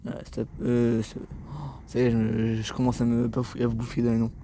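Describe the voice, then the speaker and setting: A man's voice: medium pitch, completely flat delivery, a little fast, noisy background. A tired young man commentating his gameplay casually, rambling, stammering and swearing as he plays. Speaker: gaming YouTuber.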